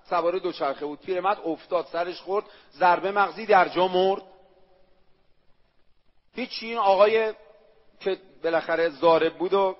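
A man preaching a sermon, emphatic and repetitive, asking the listeners rhetorical questions and reciting Arabic phrases. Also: sits high. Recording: echoey hall, dull lo-fi sound.

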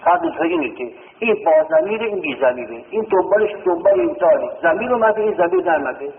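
A male teacher talks through a grammar lesson and recites verb forms one after another, asking his own questions and answering them. His voice is fairly high and very animated, jumping up and dropping low. It sounds tinny and lo-fi, caught with a long, roomy hall reverb. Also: creaky. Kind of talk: classroom lesson.

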